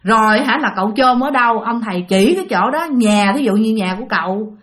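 A woman's voice: a little high, lively intonation, brisk, a bit bright. A woman hosting a channel, telling listener-sent ghost stories in a chatty way and often speaking to her audience directly. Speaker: storytelling channel host. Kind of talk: spoken ghost-story narration.

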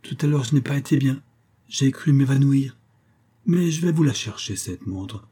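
A man's voice: mid-range voice, lively intonation, moderate pace, mellow, husky, voice pushed up. A man voicing an old miserly male beggar who whines about poverty and demands secrecy, for an audiobook. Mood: whining. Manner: whining, secretive, pleading poverty.

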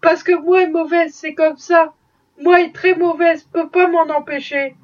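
A woman's voice: very high voice, little pitch movement, unhurried. A woman reading aloud, voicing a mischievous young servant girl who speaks in broken phrases. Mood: naive. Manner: broken speech, naive. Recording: dull distant recording.

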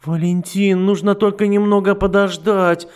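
A man voicing a shrill, hysterical noble duchess in an audiobook, who wails and pleads. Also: normal speed, darkish tone, close to an everyday voice. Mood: pleading. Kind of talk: audiobook character voice.

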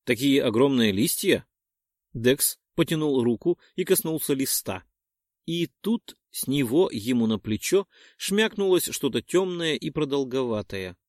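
A man narrating an audiobook in an expressive, measured way. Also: medium pitch, dry recording. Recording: dry close studio sound.

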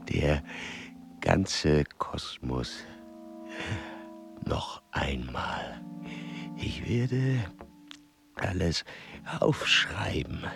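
In a German radio play, a male actor with a bass voice portrays a frail old explorer who is earnest and fixated on facts. He speaks haltingly and pedantically in a creaky voice, in a heavily acted performance.

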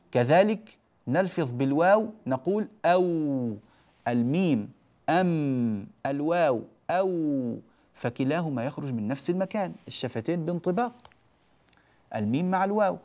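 A man teaching Quran recitation rules on a program, slowly enunciating examples and firmly correcting common mistakes. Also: fairly high pitch, darkish tone. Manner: slow, deliberate enunciation of examples, then explains. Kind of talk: televised tajweed lesson.

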